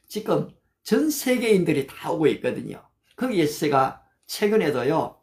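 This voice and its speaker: A woman pastor from Gyeongsang giving a livestreamed sermon, answering viewer comments and reciting English Bible verses slowly and carefully between conversational, encouraging remarks. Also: sits low, a little mellow. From Gyeongsang, Korea. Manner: conversational and encouraging, often addressing listeners directly.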